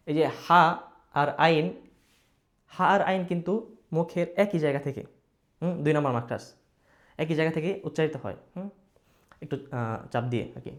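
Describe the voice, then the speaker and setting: Patient man teaching Arabic letter sounds. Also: on the high side. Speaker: Quran recitation teacher. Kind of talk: slow explanatory lesson.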